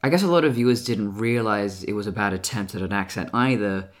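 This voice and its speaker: A man's voice: on the low side, brisk. A man with a mixed English and Australian accent, delivering a scripted, analytical video essay as a film essayist. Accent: English-Australian hybrid.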